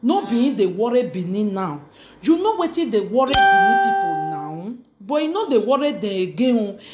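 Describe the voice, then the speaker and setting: A woman with a Nigerian accent chatting casually in Nigerian Pidgin, explaining things and repeating phrases for emphasis. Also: a little high. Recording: echoey room.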